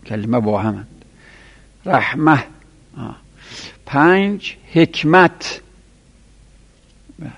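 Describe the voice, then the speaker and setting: Gravelly man dictating a lesson slowly. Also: medium pitch, very animated, fairly bright tone. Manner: counts items aloud and spells letters slowly. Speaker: teacher. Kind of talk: classroom lesson dictating Arabic verbal nouns. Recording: lo-fi recording in a reverberant room.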